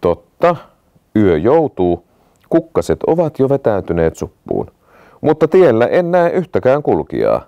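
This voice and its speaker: A man voicing a calm, steady castle watchman in a storybook reading, answering in a measured, unhurried way. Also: mid-range voice, muffled recording. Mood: calm report.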